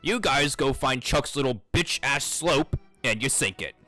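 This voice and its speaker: A man playing a gruff, foul-mouthed dwarf shipwright. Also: medium pitch, measured pace, pushed and bright, faint music behind, pitched above the performer's own voice, poor audio. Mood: scheming. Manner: blunt and crude, swearing often.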